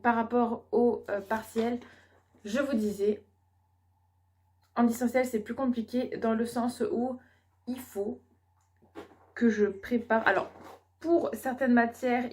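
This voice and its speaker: A woman's voice: medium pitch, a little mellow. Tired young French woman rambling on. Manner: rambling, many fillers and restarts. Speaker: vlogger, student mother. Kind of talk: casual vlog chat.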